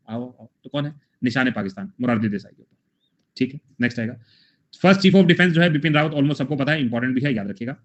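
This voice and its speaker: A man's voice: fairly high pitch, a bit bright, lo-fi sound. A man teaching a general knowledge class, repeating memory tricks and calling on his students as brothers. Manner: drills mnemonics with repetition, addresses students as brothers. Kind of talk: live online GK class.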